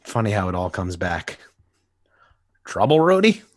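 A podcast co-host does an amateur comic dramatic reading as a nostalgic grown-up superhero, delivering a wistful, earnest first-person inner monologue. His fairly low voice is very animated yet unhurried, recorded dry with clean studio sound.

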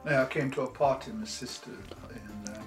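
A man's voice: medium pitch, moderate pace, faint music behind. An older man, the interviewee's husband, briefly joining the chat from off-mic. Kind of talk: casual conversation.

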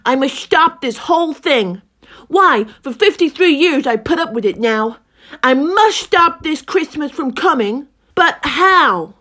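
A woman's voice: high-pitched, lively intonation, unhurried, sharp tone, pitched above the performer's own voice, heavily acted. A woman voicing a grumpy, sneering male Grinch creature in a storybook reading, snarling as she goes. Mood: resentful.

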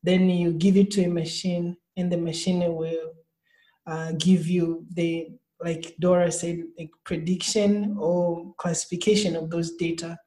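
A woman's voice: on the low side, flat delivery, a little slow, dark tone, low-quality recording. A woman, a guest answering hesitantly and searching for words. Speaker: guest, startup team member. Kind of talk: interview answers.

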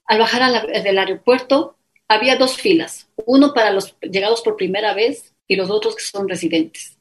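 A woman's voice: mid-range voice, moderate pace. A woman recounting a personal travel story in a casual interview, acting out the lines she and others said. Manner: lively anecdotal telling with quoted dialogue. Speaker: guest.

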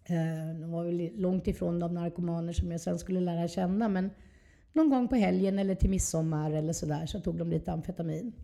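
A woman speaks in a very dark, mellow voice with plenty of creak. She is an interview guest telling a personal story, candid and reflective, in a lowish register. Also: steady tone. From southern Sweden.

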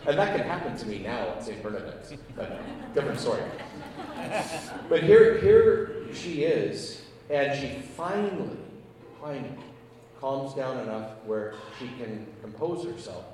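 Pastor preaching in an echoey church. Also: male voice, medium pitch, very animated, measured pace, a crowd in the background. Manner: earnest, acts out dialogue with emphatic rises. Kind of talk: sermon storytelling. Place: large church. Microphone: handheld mic. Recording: echoey church hall, distant mic.

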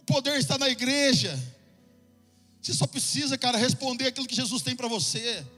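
A man's voice: very high-pitched, fast. A middle-aged Brazilian man, a pastor, preaching a fervent sermon, slipping into sung phrasing and casual slang as he tells stories. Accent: Brazilian Portuguese. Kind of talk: sermon with personal testimony. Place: church hall. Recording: long church-hall reverb with soft music.

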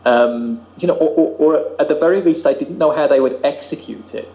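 A man talks through his views in a steady, thoughtful podcast chat, pausing on fillers. The sound is roomy and echoey, and the audio is dull and lo-fi. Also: on the high side. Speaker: podcast co-host. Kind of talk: casual chat.

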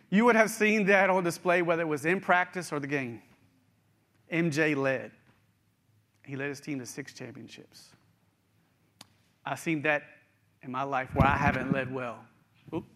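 A man's voice: a little high, fairly bright tone. A middle-aged man with a West Virginia accent giving a sermon in a conversational, folksy way, speaking straight to his listeners. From West Virginia, United States. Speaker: preacher.

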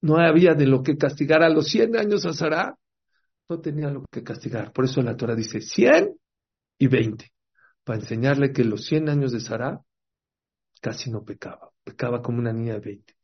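A man teaching a Torah class as a rabbi, telling stories lively and asking his listeners questions. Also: mid-range voice, normal speed, breathy edge. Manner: lively storyteller, acts out quotes, asks the audience questions. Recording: dull lo-fi recording.

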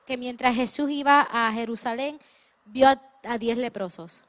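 A woman interprets a sermon line by line as it is preached. Her voice sits high, and she often trips, restarts words, and pauses to find the right phrasing. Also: a bit bright. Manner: translates phrase by phrase with restarts and hesitations.

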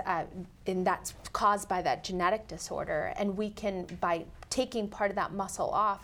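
A woman's voice: mid-range voice, fairly bright tone. A woman cardiac surgeon on a call-in medical show, explaining procedures in plain terms and laughing easily.

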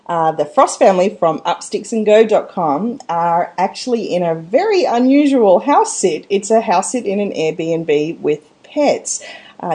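Warm, upbeat Australian woman host, keen interviewer, mid-pitched. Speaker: podcast host. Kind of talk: casual interview chat.

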